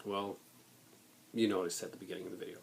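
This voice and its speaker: A man in a blunt, exasperated rant to viewers, halting and then bursting into emphasis. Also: low-pitched, flat delivery, gravelly. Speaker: video blogger. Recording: noticeable background noise.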